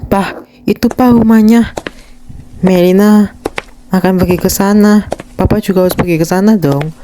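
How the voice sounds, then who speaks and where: A woman's voice: medium pitch, steady tone, moderate pace, warm tone, a little hiss or hum, close to an everyday voice. A woman voicing a kind, generous rich teenage girl in an amateur game drama, speaking politely and in a friendly way.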